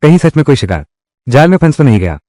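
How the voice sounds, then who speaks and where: A man's voice: a little high, sing-song, fast talker, warm tone, no echo, studio quality. A man dubbing a family drama, voicing every role himself in a dramatic manner. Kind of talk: Hindi-dubbed drama, one voice for all roles.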